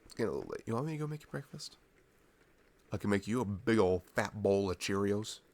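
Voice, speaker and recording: Fast-talking and animated, the performer's lowish, darkish voice carries vocal fry with no echo. As the boyfriend in an ASMR audio roleplay, he chats informally and intimately, ranting and rambling between chuckles and sighs.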